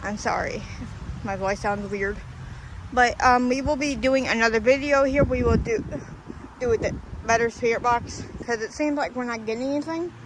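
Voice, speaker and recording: A winded paranormal vlogger with a drawl talks to viewers while walking outdoors. The speech rambles, restarts and apologizes, at a middling pitch. Faint wind hisses in the background. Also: normal speed. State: out of breath. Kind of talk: casual vlog talk to viewers. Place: outdoors in a hilly, windy graveyard. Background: faint wind noise.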